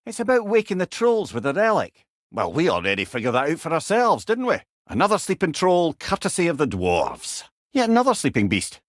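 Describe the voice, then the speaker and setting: An actor voices a wry, clever older male storyteller companion in video game character dialogue, using a Scottish accent and a droll, expressive manner. His voice sits a little high, captured as clean studio sound with no echo.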